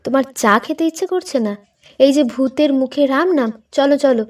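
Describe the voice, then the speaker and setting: A woman's voice: high-pitched, darkish tone, recorded from a distance, close to an everyday voice. Woman voicing a bossy, teasing young woman. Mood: eager, teasing. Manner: eager, teasing, quick to push. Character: lively young woman, bossy older sister.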